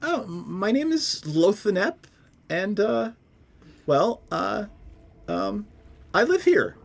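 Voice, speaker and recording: A man voicing a timid water spirit made of clear crystal water, in a thin, glassy, tinny voice with no bass, speaking hesitantly with stammers. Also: sing-song, slow pace, full character voice. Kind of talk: game master voicing a character.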